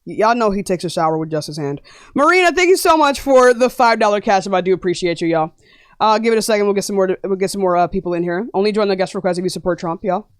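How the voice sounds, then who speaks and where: A woman's voice: medium pitch, lively intonation, fast talker, no echo. A young woman runs a heated live-stream debate, cutting in bluntly and pressing her guests hard. Her voice sits in an ordinary middle range. It is recorded dry and close, with no room sound. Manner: blunt, combative, talks over people. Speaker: livestream debate host.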